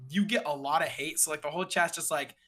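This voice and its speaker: Bright-voiced young man telling a story. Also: a little high, fast. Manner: animated, slangy, acts out what others said. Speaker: streamer guest. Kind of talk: casual storytelling in a conversation.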